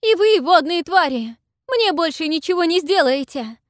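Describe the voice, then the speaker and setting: A woman's voice: very high-pitched, lively intonation, moderate pace, no echo, clean studio sound, voice pushed up. Woman doing a shrieking traitorous young woman. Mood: shrill. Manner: shrieking, wheedling. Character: shrill treacherous young woman, groveling traitor.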